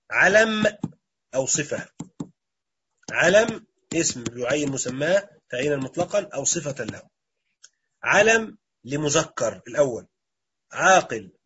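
A man's voice: on the high side, a bit bright, highs cut off, slight background noise. A man with an Egyptian Arabic accent teaching Arabic grammar in a classroom lecture, quizzing students and repeating their answers.

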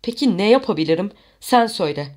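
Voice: mid-range voice, normal speed, close to an everyday voice. An audiobook narrator reading the lines of a desperate, defiant young fisherman in urgent, bitter outbursts. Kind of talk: audiobook character voice.

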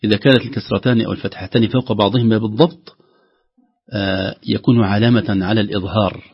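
A man teaching Quran recitation rules on a call-in lesson, explaining patiently with drawn-out filler pauses and slowly voicing words aloud to show how they sound. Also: on the low side, fairly even intonation, husky. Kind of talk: tajweed lesson on a call-in broadcast. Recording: dull lo-fi broadcast audio.

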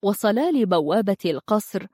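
A woman narrating a fantasy story aloud with an expressive, even-paced reading. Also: mid-range voice, normal speed, husky, dry recording, clean studio sound.

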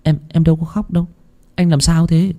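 A man's voice: on the high side, little pitch movement, brisk, dark tone, voice pushed up, natural voice. A man voicing a worried, caring young woman colleague in a spoken ghost story. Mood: firm.

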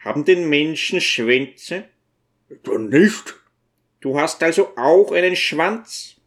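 A man's voice: fairly high pitch, expressive, slow, voice pushed up. A man voicing a sly town doctor who teases and mocks. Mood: teasing. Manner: teasing, mocking. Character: mocking male town doctor, sly and teasing.

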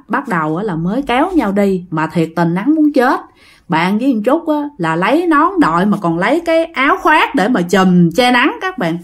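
A woman telling a ghost story in a chatty, rambling way. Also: medium pitch. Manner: chatty, rambling, filler-heavy. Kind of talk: casual ghost-story narration.

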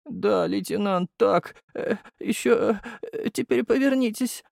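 A man's voice: sits high, slow, creaky, a little mellow, dry recording, clean studio sound, pitched above the performer's own voice, exaggerated voice. A man voicing a whiny young male deputy officer who whimpers and sniffles, in an audiobook. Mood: groggy. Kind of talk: audiobook character voice.

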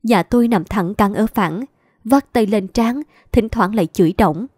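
A woman's voice: mid-range voice, normal speed, a little mellow, no room sound, studio quality. Plaintive woman telling a story. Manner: plaintive, lamenting. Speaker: audiobook narrator. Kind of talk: first-person storytelling.

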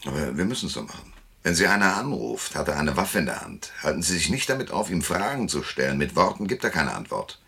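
In a German noir radio drama, a male actor voices a world-weary, laconic private detective, narrating with dry, sardonic gravel. His very deep voice is sharp, quick and highly animated, curt and commanding in mood, heavily acted, with no echo.

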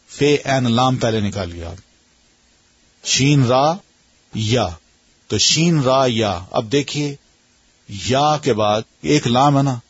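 A man teaching Arabic grammar in a classroom lesson with a Pakistani accent, patiently quizzing students and drawing out word patterns slowly. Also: medium pitch, husky, dry recording. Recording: dull lo-fi lecture recording.

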